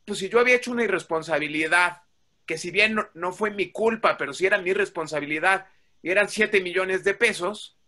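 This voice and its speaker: Bright-voiced man telling a story. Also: high voice, brisk. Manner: animated, acts out quoted dialogue, swears casually. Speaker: guest telling a work story. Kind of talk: casual storytelling.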